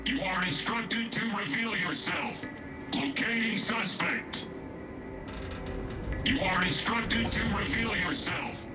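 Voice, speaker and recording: Stern security robot. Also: male voice, high voice, takes it slowly, pauses often, soft background music, exaggerated voice. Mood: commanding. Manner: flat, repetitive commands. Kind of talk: video game voice acting.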